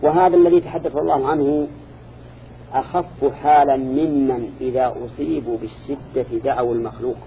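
A man teaching a classroom lecture, speaking in a measured way and quizzing his students with short questions as he goes. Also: mid-range voice, fairly even intonation, mellow, a little hiss or hum. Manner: measured, quizzes listeners with repeated "ha?" and "na'am". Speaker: teacher of Quran interpretation. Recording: dull lo-fi recording.

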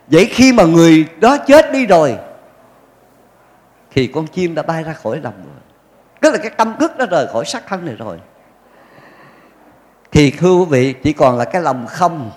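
Monk giving a dharma talk, chatty storyteller, bouncy pitch, echoey hall. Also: male voice, darkish tone. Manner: folksy storytelling with jokes and acted quotes. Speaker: Buddhist monk. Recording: long hall reverb.

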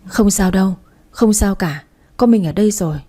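A woman's voice: medium pitch, animated, a little fast, mellow, husky. Woman voicing a caring, protective young woman friend. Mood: soothing. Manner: soothing, then indignant. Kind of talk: audiobook reading.

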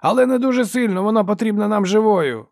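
A man voicing a cruel young woman hunter who taunts loudly in a high, gleeful voice. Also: lively intonation, quick pace, no room sound, studio quality. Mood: shrill, taunting.

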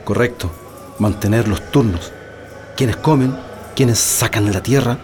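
In a radio drama, a male actor with a Chilean accent plays a calm, methodical leader of political prisoners, delivering lines in a measured, reassuring yet firm manner. His voice is lowish and natural, with music behind it.

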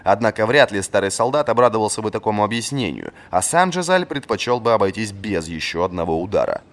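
A man narrating a fantasy audiobook in a lively, expressive scripted reading. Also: fairly low pitch, quick pace.

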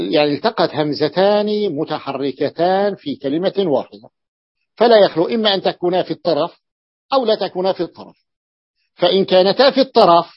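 A man teaching Arabic grammar in a classroom lesson, explaining slowly, repeating words and asking his students questions. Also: fairly high pitch, slightly rough, dry recording, muffled recording.

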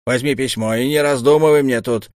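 Man playing a scheming old priest, raised pitch, spiteful gloating tone, audiobook villain. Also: steady tone, fairly quick, no room sound, studio quality, natural voice. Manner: hissing, gloating, venomous. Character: spiteful scheming old male temple mentor.

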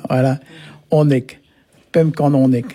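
A man's voice: medium pitch, steady tone, slow pace, mellow. A man from Brittany, a language teacher, patiently explaining words on a radio lesson. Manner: patient, explanatory, peppers talk with short tags.

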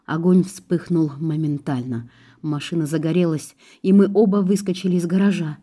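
A woman narrating a first-person story in a measured, steady way. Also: low voice, husky. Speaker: audiobook narrator.

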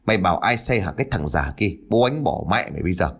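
A man voicing a belligerent, cursing drunk in a spoken ghost story, his words quick and insulting. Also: low voice, expressive, creaky, pitched below the performer's own voice, heavily acted. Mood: drunk aggressive. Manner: slurring insults, shouting.

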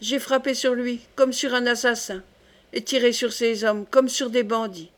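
A woman voicing a bold young nobleman in an audiobook, calm and composed. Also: a little high, moderate pace, lightly acted.

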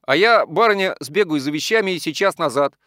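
A man's voice: fairly high pitch, lively intonation, a little fast, sharp tone, no room sound, studio quality, voice pushed up. A man voicing a trembling young housemaid with plain, folksy speech. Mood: timid. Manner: timid, folksy talk.

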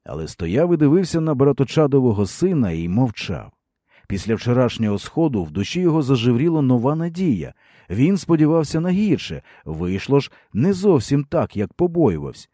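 A man narrating a historical novel as an audiobook in an expressive, measured storytelling manner. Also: medium pitch, no room sound, clean studio sound.

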